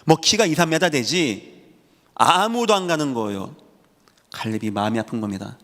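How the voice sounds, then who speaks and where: A male pastor delivering a sermon, preaching emphatically and swinging between loud high bursts and quiet low lines. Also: lively intonation, normal speed. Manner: emphatic preaching with sudden rises and drops in pitch and volume. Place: church sanctuary. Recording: long hall reverb in a church sanctuary.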